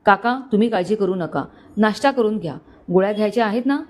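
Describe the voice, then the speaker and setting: A woman's voice: mid-range voice, quick pace, lightly acted. A woman voicing a brash, short-tempered young man who speaks sharply and impatiently, in a storybook reading. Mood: urgent.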